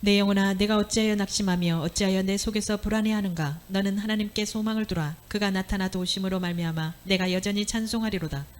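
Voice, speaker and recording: Female scripture reader, mid pitch, brisk even recitation. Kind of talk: reading scripture aloud.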